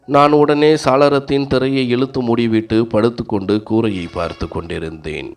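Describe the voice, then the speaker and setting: A male storyteller reads a scripted first-person family drama in an earnest, dramatic way. His voice sits very low and has a rough, creaky grain.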